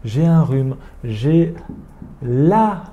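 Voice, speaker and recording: A man teaching French phrases in an online lesson, speaking slowly and repeating each word carefully for his learners. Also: on the high side, expressive, dark tone, lo-fi sound.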